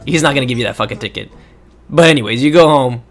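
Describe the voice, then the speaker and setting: A man's voice: mid-range voice, fast talker. A young man giving a crude, sarcastic comedic recap of a video game with laughing asides.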